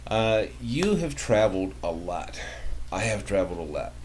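A man hosting a talk radio show, asking his guest measured, leading questions. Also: lowish voice, sing-song, slight background noise.

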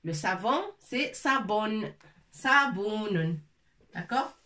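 A woman's voice: medium pitch, lively intonation, extremely slow, pushed and bright. A woman teaching letters at a board, patiently repeating each sound and checking in often. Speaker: Arabic teacher. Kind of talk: slow whiteboard language lesson. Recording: voice from a distance.

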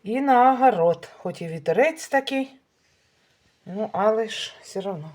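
Middle-aged woman, casual family vlogger, outdoors in a village, mid-pitched, homely chatter. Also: expressive, moderate pace, darkish tone. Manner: chatty, homely, shows things to camera. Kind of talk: casual vlog narration.

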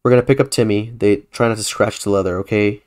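A man's voice: on the low side, steady tone, fast talker, a little mellow, smooth, no echo, clean studio sound, lightly acted. A man voicing a menacing young male bully, mocking and cocky in a spoken horror story. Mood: taunting. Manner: mocking, taunting.

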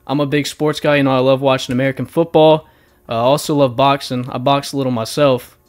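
A man with a Southern US accent chatting casually over voice chat. He talks on and on, drifts off topic and circles back. His voice sits at a middle pitch, with faint music under it. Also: flat delivery, fast talker. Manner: rambling, talkative, easily sidetracked. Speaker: dating show contestant.

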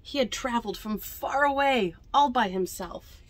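Among the library bookshelves, a woman in her twenties reads a picture book to children with lots of expression, tossing in chatty asides and speaking straight to her young audience. Her voice sits on the high side at a moderate pace, with slight background noise.

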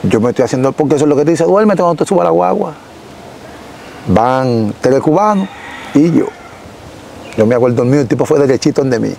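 A young Dominican man with a Dominican Spanish accent, telling his story as an interview guest in an animated, casual way, recorded outdoors on a lapel mic. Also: mid-range voice, brisk, gravelly, pauses often, slight background noise, low-quality recording. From Dominican Republic. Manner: animated, gesturing, frequent self-corrections. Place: outdoors in a rural yard.

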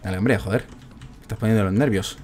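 A man casually commentating his own gameplay, chatty and excitable, groaning at every miss. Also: fairly low pitch, quick pace. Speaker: gaming streamer.

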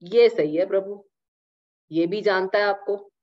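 A woman's voice: medium pitch, a little slow, darkish tone, natural voice. A woman voicing an exasperated, loyal young man complaining to his elder brother, in a dull lo-fi recording.

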